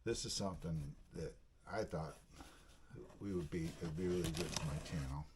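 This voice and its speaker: Speaking at a moderate pace with an extremely low, slightly mellow voice, a man hosts a laid-back unboxing vlog and handles items while talking plainly and folksily. Clicks and obvious noise run through the recording.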